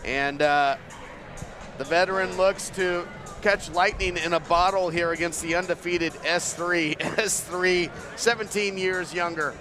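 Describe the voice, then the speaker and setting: A man's voice: high voice, steady tone, a little slow, over music. A man giving live play-by-play boxing commentary, setting up the fight and the fighters' records.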